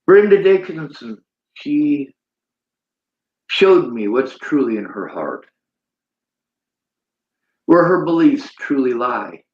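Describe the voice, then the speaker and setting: A man's voice: mid-range voice, big pitch swings, drawn-out words, pauses often. Male streamer, preachy monologue, reads chat aloud; dull roomy audio. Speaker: livestreamer. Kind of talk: livestream monologue.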